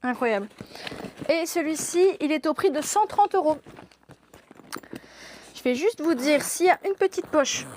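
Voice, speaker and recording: High-pitched young woman, gushing live-stream seller, laughs a lot. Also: darkish tone, slight background noise. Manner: enthusiastic, gushing, laughs often. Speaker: shop saleswoman presenting products. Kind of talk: live-stream product showcase.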